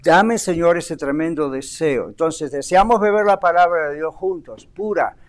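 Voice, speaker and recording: High-pitched older preacher man. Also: moderate pace. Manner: animated preaching with rhetorical questions and English phrases. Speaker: pastor. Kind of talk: sermon.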